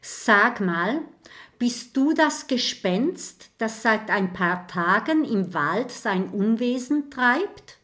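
A suspicious, grumbling young badger from a storybook, voiced by a woman, close to her own reading voice but raised in pitch. He mutters his doubts. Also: animated, slow, a bit bright.

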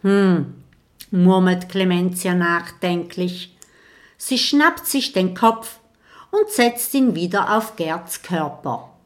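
A woman narrating a children's audiobook in a calm storytelling manner. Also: fairly low pitch, slow pace.

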